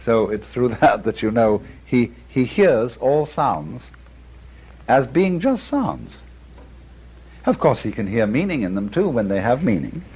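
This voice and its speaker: A man lectures in a husky voice whose pitch rises and falls freely. He muses aloud, chuckles often and wanders into asides. The recording sounds dull and lo-fi. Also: big pitch swings, a little slow, a little mellow. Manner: musing, chuckling, with frequent asides. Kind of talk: lecture on art and philosophy.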